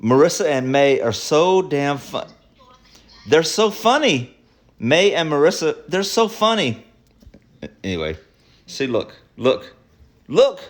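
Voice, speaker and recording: A man's voice: fairly high pitch, big pitch swings, slow pace, long pauses. A middle-aged man vlogging at home, rambling and joking, often repeating himself. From United States. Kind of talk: casual home vlog.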